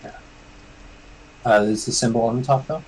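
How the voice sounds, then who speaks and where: A man acting as game master, narrating a tabletop game in a measured way with pauses between phrases. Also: medium pitch, a little mellow, breathy edge, low-quality recording.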